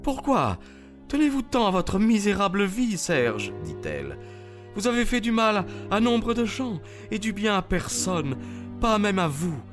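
A man's voice: high-pitched, very animated, measured pace, music in the background, voice pushed up. A man voicing a dignified older woman with a foreign accent in an audiobook, speaking with solemn gravity. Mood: scornful.

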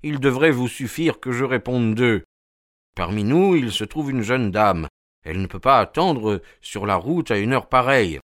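A man voicing a nervous, fussy gentleman who talks in an anxious, hurried way. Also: medium pitch, expressive, no room sound, studio quality, voice pushed up, lightly acted. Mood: indignant.

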